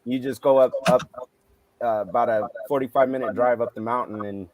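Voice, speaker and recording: A man's voice: mid-range voice, fairly even intonation, fairly quick, darkish tone. A man chatting casually as a guest on a video call. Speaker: guest on a car chat show. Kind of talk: casual chat. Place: indoor room on a video call.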